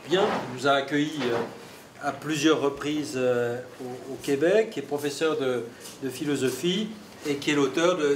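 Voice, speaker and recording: Guy introducing academic speakers, kinda halting, far from the mic with a bit of noise. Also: fairly high pitch. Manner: hesitant, broken-up phrasing. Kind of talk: semi-improvised academic introduction. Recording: echoey room, distant mic, faint noise.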